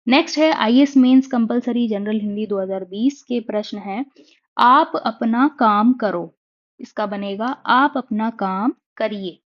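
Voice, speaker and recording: A woman teaching Hindi spelling and sentence correction for exams, patiently repeating each corrected sentence slowly. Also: on the high side. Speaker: Hindi exam tutor. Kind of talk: explanatory exam-prep lesson. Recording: dull lo-fi recording.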